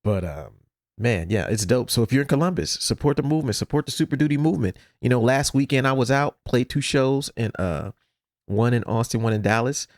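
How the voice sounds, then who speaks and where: A man in his forties hosting a casual podcast chat, laid-back and quick to laugh. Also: mid-range voice, no echo, clean studio sound. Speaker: podcast host.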